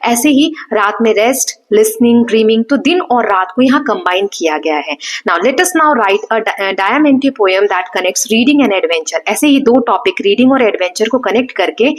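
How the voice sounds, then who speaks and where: A woman's voice: fairly high pitch, lively intonation, measured pace, few pauses. A woman from India with an Indian accent, teaching a school lesson over a writing screen and patiently repeating each point. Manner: patient and repetitive, checks in with "है ना". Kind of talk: explaining a textbook lesson in Hindi mixed with English.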